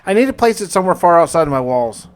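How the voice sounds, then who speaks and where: Playing a survival game, a man with a fairly high-pitched voice narrates in first person, casual and confiding, like he's keeping a personal log. He talks rapid-fire with big swings in pitch and drops mild everyday exclamations.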